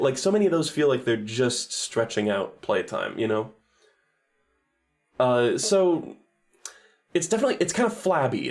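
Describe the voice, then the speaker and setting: A man's voice: a little high, darkish tone. A man giving casual, rambling game reviews on a stream, swearing freely and correcting himself as he goes.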